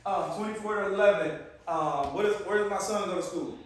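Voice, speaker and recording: A Detroit, Michigan man in his forties speaks to a youth group in a high-pitched, slightly fast voice. He's a youth speaker whose talk is casual, conversational and slangy, and he calls on the crowd. The room is echoey and the mic sits at a distance.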